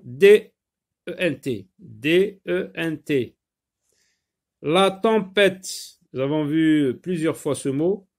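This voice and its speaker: A man's voice: a little high, vocal fry, darkish tone. A man teaching a French spelling lesson, spelling out words letter by letter and stressing each dictated word. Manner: addresses pupils and parents directly.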